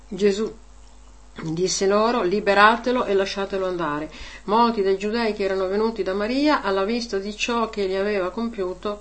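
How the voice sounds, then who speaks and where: A woman reading a Gospel passage aloud and then preaching a homily to a congregation, stressing key words and tagging points with questions. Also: mid-range voice. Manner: emphatic, rising loud on key words, frequent "eh?" tags.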